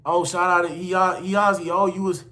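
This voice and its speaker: A man's voice: sits high, flat delivery, normal speed, pushed and bright. A man in his late twenties hosting a casual live stream, reading out chat names and answering viewers in loose, laid-back slang. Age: 20s. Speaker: livestream host reading chat.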